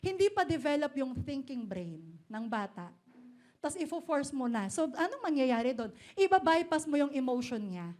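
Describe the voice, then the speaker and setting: A middle-aged woman pastor with a Filipino accent, preaching a sermon in an animated way, mixing Filipino and English with playful asides. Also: high voice, normal speed. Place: church hall.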